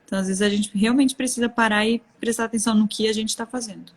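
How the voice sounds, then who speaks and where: On a relaxed live stream, a thirtysomething woman with a Brazilian Portuguese accent talks openly about motherhood and laughs a lot, appearing as a guest parenting speaker. She speaks fast in a slightly high voice with fairly even intonation.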